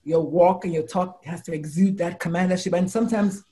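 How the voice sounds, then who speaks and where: A doctor and life coach from the U.S., in her forties or older, speaks fairly quickly while chatting in an interview. Her storytelling is animated, with quoted lines delivered as high exclamations.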